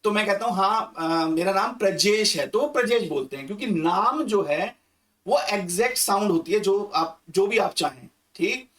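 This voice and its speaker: A man with an Indian accent teaching German grammar, patiently repeating and reading example sentences slowly. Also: high-pitched, expressive, fairly bright tone, distant mic. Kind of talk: slow explanatory grammar lesson.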